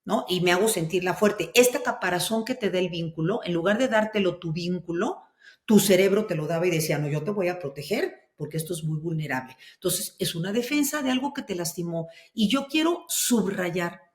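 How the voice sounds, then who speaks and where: A woman speaking as a parenting expert guest on a podcast, explaining slowly and deliberately and listing examples one after another. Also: on the low side, reverberant. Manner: slow, deliberate, lists examples. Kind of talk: calm explanatory podcast talk.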